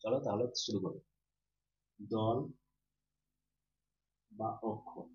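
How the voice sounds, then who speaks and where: A man's voice: lowish voice, level tone, slow pace. A male teacher giving a grammar lesson to students. He asks questions, answers them himself, and repeats each key term. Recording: roomy, dull, with faint hum.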